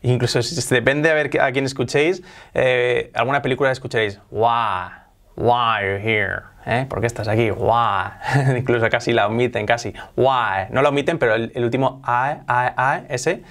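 A man from Spain with a Spanish accent, hosting a lively bilingual English lesson and slowly repeating words to show how they are pronounced. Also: mid-range voice. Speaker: English teacher and channel host.

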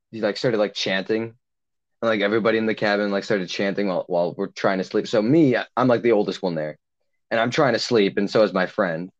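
A young man casually telling a long camp story, rambling with lots of "like" and acting out the quotes. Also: lowish voice. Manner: rambling, heavy use of "like", acts out quotes. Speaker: podcast co-host. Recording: dull lo-fi sound.

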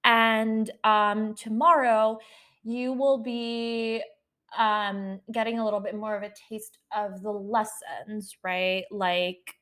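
A woman's voice: medium pitch, little pitch movement, slow pace, a bit bright. A woman in her twenties hosting her own podcast, talking in an emotional, effusive way, swearing casually and getting teary. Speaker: podcast host. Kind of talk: personal podcast monologue. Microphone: handheld microphone.

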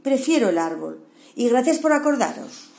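A woman's voice: sing-song, moderate pace, creaky, darkish tone, echoey room, full character voice. A woman voicing a timid young male koala who clings to safety and talks in a nervous, fretful way. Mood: polite. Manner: nervous, fretful, higher put-on voice.

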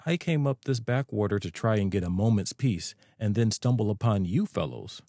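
Easygoing storybook otter, offhand and chatty, deep voice, as a male narrator puts him on. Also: animated, moderate pace, warm tone, dry recording, studio quality.

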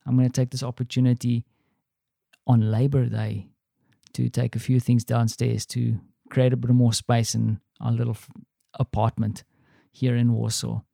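A man's voice: medium pitch, creaky, warm tone, no echo, clean studio sound. A South African man, a father and podcast host, talking through his day in a rambling, reflective way with many ums and restarts. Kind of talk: casual spoken diary. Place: apartment.

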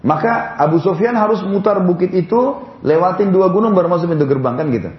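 Male religious teacher, chatty storyteller explaining at a board; slightly high voice, dull roomy recording. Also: animated, brisk. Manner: casual, conversational storytelling with asides; explains while pointing to a board.

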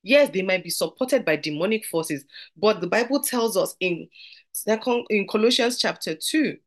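A woman teaching a podcast Bible study, conversational and earnest, slowing down to read scripture aloud. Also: medium pitch, lively intonation.

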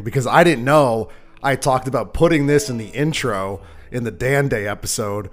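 A man explaining something offhand in an aside he recorded while editing a podcast. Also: mid-range voice. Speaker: podcast co-host and editor.

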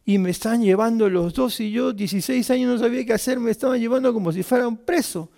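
A man, telling a personal story to an audience in an animated way and putting questions to his listeners. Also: very high voice, fast talker, vocal fry. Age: 50s. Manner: lively, asks the audience questions, swings from quiet asides to loud peaks.

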